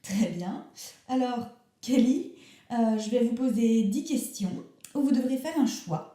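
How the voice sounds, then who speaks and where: An earnest young radio interviewer, played by a woman in a comic radio sketch. She asks her questions in a mock-formal, teasing manner. Her tone is mellow and the recording is roomy. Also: a little high, a little slow, close to an everyday voice.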